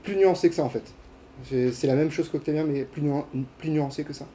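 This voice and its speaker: A man lectures to a class in a relaxed, chatty way. He stops often with fillers and restarts, and he puts questions to the students. His voice is mellow, with faint noise behind it. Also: on the high side, brisk. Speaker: university lecturer. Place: lecture hall.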